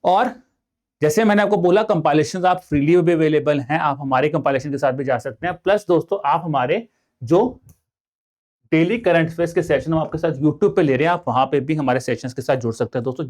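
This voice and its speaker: A man's voice: a little high, fairly quick, darkish tone. A young adult man with an Indian accent teaching an online exam-prep lesson, mixing in English words and firing rhetorical questions at his students. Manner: addresses viewers as friends, Hindi-English mix, rhetorical questions. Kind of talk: online lecture.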